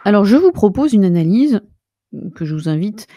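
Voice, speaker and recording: A woman's voice: medium pitch, big pitch swings, normal speed, background noise. Pompous woman in a mock lecture. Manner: pompous, lofty jargon, gets carried away; lecturing the viewer directly. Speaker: self-styled linguistics researcher. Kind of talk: mock-academic comic monologue.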